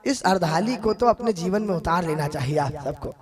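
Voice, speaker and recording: A male preacher giving a devotional sermon, chanting verses slowly and speaking directly to his listeners. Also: sits high, animated. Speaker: religious storyteller preacher.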